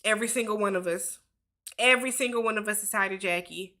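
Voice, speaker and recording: A fast-talking YouTube host from Milwaukee, Wisconsin, a woman in her forties, speaks in a sharp, medium-pitched voice. During her casual livestream Q&A she chats loosely, laughs often, and reads out what viewers comment.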